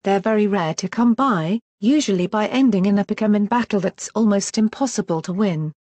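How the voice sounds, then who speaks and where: A synthetic female voice playing a stern, scolding schoolteacher in an animated video. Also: mid-range voice, a little fast, no echo, close to an everyday voice. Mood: explaining. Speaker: teacher.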